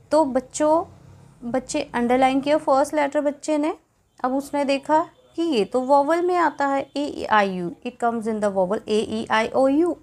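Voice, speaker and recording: An Indian woman teaching grammar with an Indian English accent, her voice a touch higher than most. She talks slowly and patiently, repeating each point and switching easily between Hindi and English. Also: a little mellow. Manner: patient, repetitive explaining, mixing Hindi and English. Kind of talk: classroom grammar lesson.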